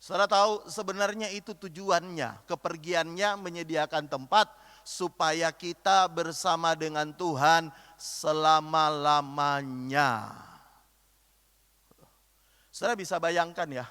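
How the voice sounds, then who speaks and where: A man preaching a sermon, animated, acting out quotes and asking the congregation questions. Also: on the high side, takes it slowly, long pauses, smooth. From Indonesia. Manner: lively, animated preaching with acted-out quotes and call-and-response questions. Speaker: pastor. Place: large church hall. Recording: reverberant church hall.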